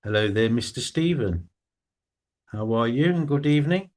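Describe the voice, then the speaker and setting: A man hosts a relaxed evening live stream and chats with viewers. He greets each one by name in a friendly, easygoing way, at a middle pitch. His talk is loose and unhurried. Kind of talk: casual chat with live chat viewers.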